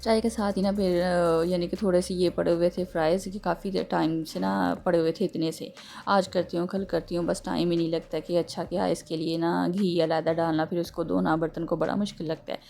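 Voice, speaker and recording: A chatty woman talks through her housework in a rambling, homely way, leaning on small fillers. Her voice is dark and mellow with a gravelly edge and a slightly sore throat, recorded at home in a kitchen. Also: on the low side, level tone, a little fast, a little hiss or hum. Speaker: home vlogger. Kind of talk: casual chatty home vlog narration.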